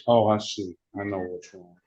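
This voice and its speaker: A man's voice: on the low side, steady tone, normal speed. Man, judge, courtroom recording, dull lo-fi sound, faint hiss, procedural, matter-of-fact. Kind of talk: court proceedings, reading case calls.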